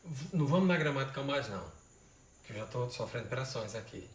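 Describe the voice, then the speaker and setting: A man's voice: medium pitch, expressive, a little fast. A male literature teacher giving an informal poetry lesson, patiently splitting verses into syllables and counting them aloud. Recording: roomy sound, mic at a distance, faint noise.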